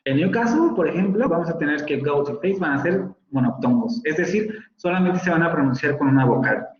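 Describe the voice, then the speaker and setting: A man's voice: fairly high pitch, animated, brisk, a little hiss or hum. A man teaching a phonetics class online, explaining patiently and sounding out examples. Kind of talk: online lecture. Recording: roomy, slightly dull video-call audio.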